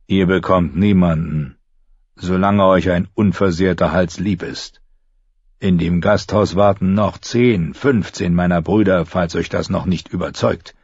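Man doing a stubborn old guy, gruff and firm, low husky voice, slightly dull audio. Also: fairly even intonation, unhurried, a little mellow, no echo, full character voice.

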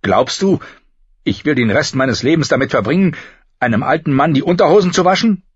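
A man's voice: on the high side, animated, fairly quick, slightly rough, no echo, voice pushed up. A man voicing a proud, bitter young male recruit who talks curtly and angrily in an audiobook. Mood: angry. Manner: curt, angry. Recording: slightly dull recording.

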